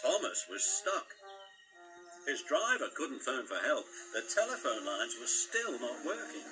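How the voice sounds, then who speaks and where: Slow, lively male storybook narrator. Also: medium pitch, low-quality recording. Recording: music playing behind.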